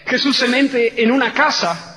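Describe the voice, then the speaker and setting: A man's voice: very high voice, fairly even intonation, measured pace, sharp tone, faint music behind. A man pastor from Spain with a Spain Spanish accent, preaching a passionate, dramatic sermon in a church. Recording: church hall reverb with faint hum.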